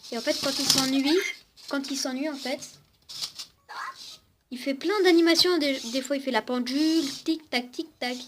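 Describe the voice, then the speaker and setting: Over music, a young woman with a high voice speaks at a moderate pace, leaving long pauses. She's a vlogger casually showing off a toy robot at home, a cat on her lap, talking with the toy and her viewers. The home recording is noisy.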